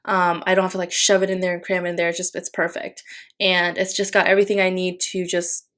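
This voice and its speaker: A young Filipino woman whose first language is Tagalog records a casual voice-over while decorating her planner for her planner vlog. She rambles with many fillers and restarts, speaking fast in a lowish, slightly bright voice with little pitch movement.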